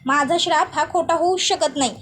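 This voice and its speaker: A woman's voice: high voice, moderate pace, fairly bright tone, slight background noise. A woman voicing a bitter, vengeful woman who insists her curse will come true. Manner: vindictive, insistent.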